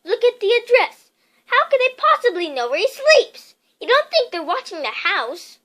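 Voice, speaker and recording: A woman's voice: high-pitched, wildly swooping pitch, slow pace, heavily acted. A woman voicing Aunt Petunia, a frightened, fretful woman who speaks in a quivering, panicky voice in a storybook reading.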